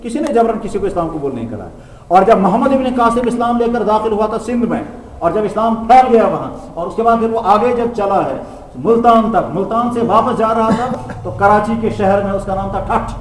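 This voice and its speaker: A high-pitched man preaches a sermon, telling stories and driving his point home with rhetorical questions. His voice rings out through a large room with a long, echoing reverb. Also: a little hiss or hum. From Kashmir. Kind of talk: storytelling sermon. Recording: echoey hall with long reverb.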